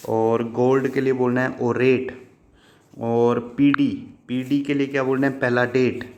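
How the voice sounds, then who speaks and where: A man teaches a chemistry lesson at a measured pace, his medium-pitched voice flat and a little dark. He is patient and repetitive, posing questions and answering them himself while fondly calling his students children.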